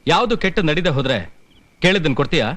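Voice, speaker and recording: A man's voice: a little high, lively intonation, fairly bright tone, dry recording. A young actor playing a brash village man in a film drama. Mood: menacing. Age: young adult. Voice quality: fast, brash. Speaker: film hero.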